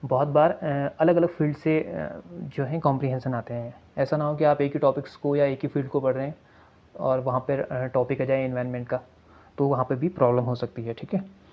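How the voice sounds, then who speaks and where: Hindi-speaking man teaching in a flat voice. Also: mid-range voice, fairly quick. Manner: addresses viewers as friends, mixes English terms into Hindi; many hesitation fillers. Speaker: exam prep teacher. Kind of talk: explaining exam reading strategies. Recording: dull lo-fi recording.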